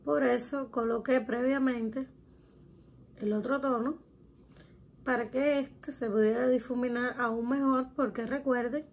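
Chatty woman with a breathy voice. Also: fairly high pitch, steady tone, a little slow. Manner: chatty, addresses viewers as girls, uses many diminutives. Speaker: makeup tutorial host. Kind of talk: step-by-step makeup tutorial.

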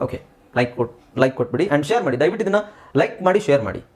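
A man's voice: on the high side, expressive, rapid-fire. A man with a Kannada accent teaching English phonics, drilling words one by one and checking that students follow. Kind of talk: phonics lesson.

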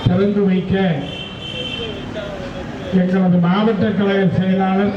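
A man's voice: high-pitched, flat delivery, slow. A man making a formal, laudatory rally speech as the announcer at a political party event outdoors. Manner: formal, laudatory oratory with honorific titles. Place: outdoors at a street event with crowd and traffic behind. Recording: dull distant street recording, echoing, loud crowd noise.

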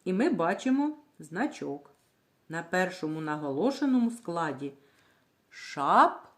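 A woman teaching a reading lesson to young children, sounding out words slowly and clearly, asking questions and then answering them herself. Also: fairly low pitch, very animated, a little mellow. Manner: slow, clear, drawing out words syllable by syllable. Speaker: primary school teacher.

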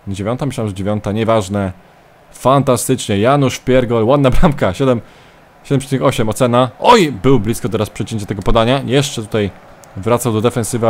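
A man commentating his own football video game like a sports announcer, calm between plays and shouting wildly at goals. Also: mid-range voice, a little hiss or hum. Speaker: gaming YouTuber. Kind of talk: let's-play commentary.

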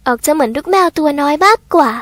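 A woman with a high, light voice narrates a first-person audio novel in a gentle, polite storytelling manner. The recording is close and dry, with no room sound around her. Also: lively intonation, quick pace, no echo.

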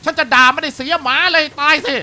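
A man's voice: very high voice, steady tone, quick pace, bright, forceful tone, slight background noise, pitched above the performer's own voice, exaggerated voice. A young man reading a diary aloud as a grumbling, irritable old homeowner in a horror game. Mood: irritated. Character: grumpy annoyed old male homeowner.

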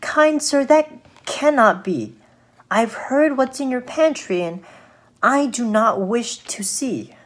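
A woman's voice: on the high side, animated, slow pace, voice pushed up. A woman voicing a little female fly from a children's storybook, polite, dainty and wary. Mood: polite refusal. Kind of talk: children's storybook read aloud.

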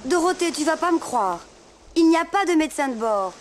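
A woman's voice: sits high, expressive, a little fast, slight background noise. A woman narrating as a young girl reading her letters to a friend in a confiding tone. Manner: gentle, confiding.

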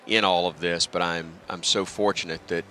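Deep and fairly even in intonation, his voice comes across pushed and bright at a moderate pace, with a little hiss or hum on the recording. The middle-aged man is a radio play-by-play announcer appearing as a guest in a broadcast booth interview, self-deprecating and reflective. He speaks into a broadcast headset from a stadium press booth at a baseball game, outdoor ballpark ambience behind him.

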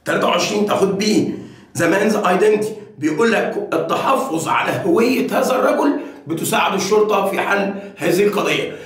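A man's voice: high voice, brisk. A man with an Egyptian Arabic accent, an English teacher going over homework and often checking in with his students. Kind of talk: homework review lesson. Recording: very echoey room.

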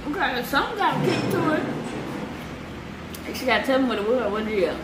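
An easygoing young woman chats and teases from across the table. Her voice rises and falls in a lively way and sits a little high. She is picked up from a distance in an echoey room full of loud noise. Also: brisk. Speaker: partner tasting the food. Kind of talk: casual chat. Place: dining room at home.

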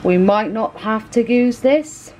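A woman's voice: on the high side, slow, a little mellow, a little hiss or hum, poor audio. A young woman, chatting informally as she cooks in her home kitchen, filmed by a camera on the counter. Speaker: vlogger. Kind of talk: casual cooking vlog. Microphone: camera on a counter at mid-distance. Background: washing machine running.

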